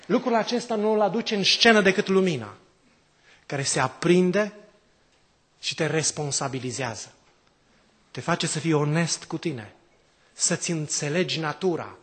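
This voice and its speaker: A man preaches a sermon in a notably high voice. He keeps putting rhetorical questions to the congregation, and his delivery swings between loud exclamations and quiet drops. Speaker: priest.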